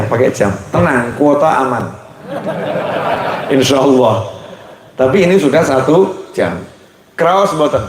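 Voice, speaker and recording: A man giving a relaxed, joking sermon, chatty and playful, slipping in phrases. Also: on the high side, echoey room, slight background noise, low-quality recording. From Indonesia. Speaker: preacher.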